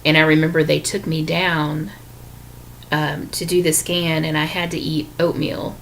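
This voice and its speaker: A woman with a lowish, gravelly voice tells her own story to camera, candid and unpolished, pausing often to restart her sentences. A faint hiss sits under her voice. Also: level tone, poor audio. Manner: candid, with frequent ums and restarts. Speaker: vlogger sharing her illness story.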